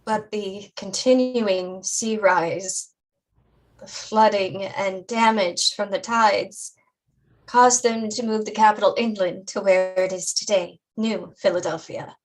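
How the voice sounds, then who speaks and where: In a staged drama reading, a woman plays a patient, caring mother who explains things deliberately and instructively. Her natural voice is medium-pitched with fairly even intonation, on a low-quality recording.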